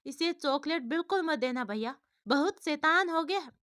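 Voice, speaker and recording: Cheerful young sister, voiced by a woman, chatty, affectionate, high bright tone. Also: expressive, moderate pace, dry recording, studio quality.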